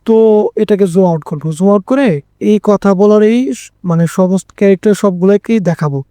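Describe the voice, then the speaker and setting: A Bangladeshi man presents an informal screen-recorded animation tutorial in a high-pitched, mellow voice, speaking a little fast. He repeats phrases for emphasis and checks in with his listeners, and the audio has no room sound.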